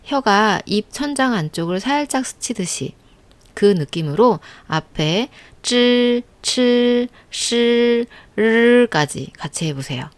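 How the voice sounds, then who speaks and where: A woman teaching Chinese pronunciation in a lesson, drilling syllables slowly and loudly with patient explanations. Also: a little high, lively intonation, dry recording.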